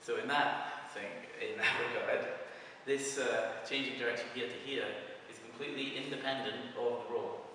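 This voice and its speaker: A man with a mid-range, steady voice casually teaches a prop-spinning move, talking loosely through each step as he demonstrates it. He speaks at a normal speed with hardly any pauses, and his tone is sharp. It's a casual video tutorial recorded in an echoey hall with a distant mic and a little hiss or hum.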